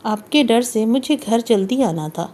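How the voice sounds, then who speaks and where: Timid young wife, pleading, apologetic, audiobook character, woman reading, mellow. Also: on the high side, animated. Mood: meek.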